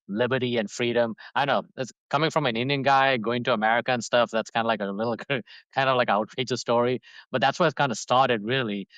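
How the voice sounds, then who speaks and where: On a podcast, a Dubai man in his thirties talks as a guest in a loose, rambling interview style, full of fillers and restarts. His medium-pitched voice is smooth and a bit bright, captured in a low-quality recording without echo.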